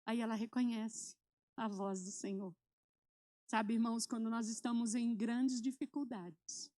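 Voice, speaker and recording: A woman pastor with a Brazilian Portuguese accent preaching a sermon in church, calling out to the congregation and moving between loud exhortation and soft storytelling. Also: a little high. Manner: preaching with call-and-response to the congregation. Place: church sanctuary.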